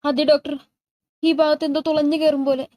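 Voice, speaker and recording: A woman's voice: sits high, level tone, moderate pace, darkish tone, no echo, voice pushed up, close to an everyday voice. A woman voicing a frightened young woman in hospital pain, anxious and pleading. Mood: worried.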